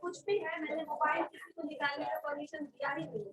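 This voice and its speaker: A woman's voice: high-pitched, flat delivery, fairly quick, crowd noise, low-quality recording. A woman with an Indian accent teaching a college vocabulary class, speaking firmly and spelling words out letter by letter. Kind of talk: classroom lesson mixing Hindi and English.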